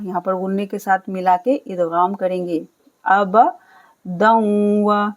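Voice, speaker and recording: A woman teaching Quran recitation, spelling out letters and vowels, then chanting each word slowly and drawn out, with patient explanations. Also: medium pitch, darkish tone. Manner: explains rules patiently, often checks with a quick "okay". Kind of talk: step-by-step recitation lesson.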